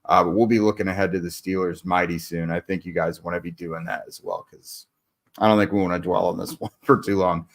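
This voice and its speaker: The man recapping a game here hosts a sports podcast and talks fairly quickly in a low voice with fairly even intonation. His delivery is loose, packed with fillers and restarts, and his voice is fading.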